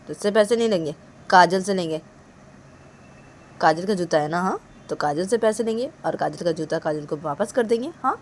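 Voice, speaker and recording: A woman's voice: lowish voice, a little mellow. A woman voicing a bossy female cousin who taunts and insists.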